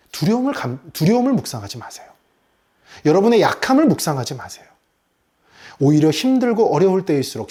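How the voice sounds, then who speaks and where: A man's voice: on the high side, darkish tone. A male pastor preaching a morning sermon, asking his congregation rhetorical questions and acting out the complaining voices of people in his story. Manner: acts out complaining voices in quotes.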